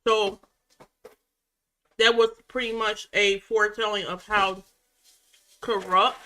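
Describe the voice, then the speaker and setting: A woman's voice: medium pitch, fairly even intonation, slow pace, sharp tone. A woman chatting casually at home as a reaction vlogger, rambling with restarts as she recaps a show. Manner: rambling, frequent restarts and fillers.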